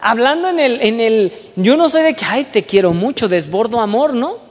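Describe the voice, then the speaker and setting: Animated Mexican man in an echoing hall. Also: extremely high pitch, normal speed. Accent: Mexican Spanish. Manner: animated, swings between hushed asides and raised voice, rhetorical questions. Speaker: speaker giving a talk. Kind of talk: storytelling talk to an audience.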